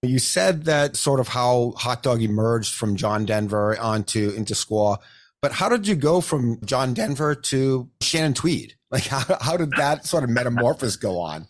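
A man's voice: mid-range voice, animated, normal speed. A man hosting a podcast, asking questions in an enthusiastic, conversational way. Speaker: podcast host. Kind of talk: casual interview.

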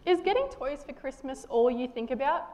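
A woman's voice: high-pitched, lively intonation, moderate pace. Patient woman with puppet. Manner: patient, gently correcting. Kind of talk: children's church puppet show.

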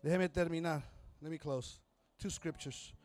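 A man preaching a sermon line by line with interpretation, impassioned and building to shouts. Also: on the high side, fairly even intonation, a little slow, soft background music.

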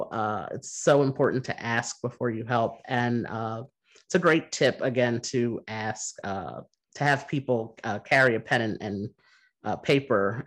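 Casual podcast host, man, plain even voice. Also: mid-range voice. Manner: relaxed, halting with many fillers. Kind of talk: casual interview.

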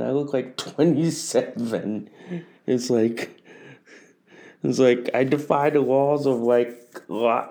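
A man in his forties with a mid-range voice and a darkish tone hosts a casual podcast alone. He wanders in his talk, repeats himself, and often restarts phrases.

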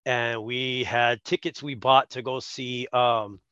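Bright-voiced man telling a sports story. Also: medium pitch, takes it slowly, smooth, no room sound, dull audio. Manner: animated, laughs often, acts out quotes. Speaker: podcast co-host. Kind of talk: casual chat, storytelling.

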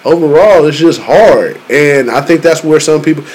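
A man's voice: on the high side, normal speed, poor audio. A man chatting casually in slangy frat-bro style, peppering his talk with "bro" and "man" and repeating phrases for emphasis. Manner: repeats phrases for emphasis, heavy "you know what I'm saying". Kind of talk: casual chat among male friends. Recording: steady background noise.

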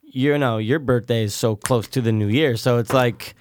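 A man's voice: medium pitch, moderate pace, no echo. A man co-hosting a podcast, reacting in a laid-back casual chat. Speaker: podcast co-host.

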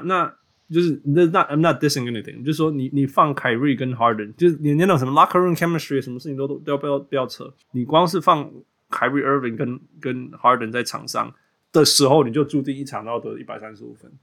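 A man's voice: mid-range voice, creaky, sharp tone. A man with a Taiwanese accent chatting casually about sports as a host, switching between Mandarin and English mid-sentence and repeating phrases for emphasis. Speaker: podcast host.

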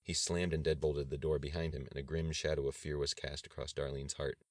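A male audiobook narrator reads in an extremely deep, low voice at a measured pace. The sound is dry and close, with no echo at all. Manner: measured, even reading. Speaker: audiobook reader. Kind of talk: scripted narration.

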